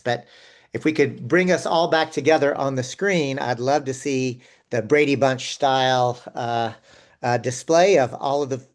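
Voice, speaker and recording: Speaking at a medium pitch, this workshop facilitator runs an interactive session over video call. He draws participants in and thinks out loud, using plenty of fillers.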